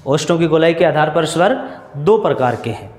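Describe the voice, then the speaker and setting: A man teaching Hindi grammar in a slow classroom style, asking questions and answering them himself and going over each point again. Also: a little high, animated, a little mellow, reverberant, in a large hall. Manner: repeats and restates points, asks questions then answers them. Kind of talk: slow, repetitive classroom explanation.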